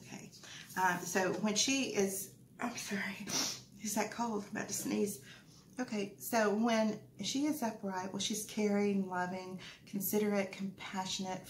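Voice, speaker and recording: Rambly woman doing a tarot reading, low gravelly voice, echoey room w faint hiss. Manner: chatty, rambling, many fillers and asides. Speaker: tarot reader. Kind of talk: casual tarot reading to camera.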